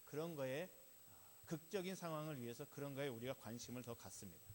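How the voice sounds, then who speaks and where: Korean pastor preaching in a reverberant hall. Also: male voice, medium pitch, quick pace, a little hiss or hum. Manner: storytelling sermon, acting out quoted dialogue, addressing the congregation. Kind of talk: sermon.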